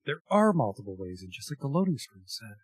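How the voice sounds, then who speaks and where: A man's voice: medium pitch, sing-song, brisk, husky, no room sound. A man giving casual, offhand and wry commentary as he plays a video game. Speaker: let's play commentator.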